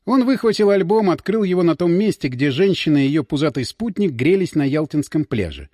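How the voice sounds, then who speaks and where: Brief: male narrator, fairly high voice, very lively pitch, dry close mic. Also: a little fast, no echo. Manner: expressive, dramatic reading. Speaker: audiobook narrator. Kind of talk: scripted narration.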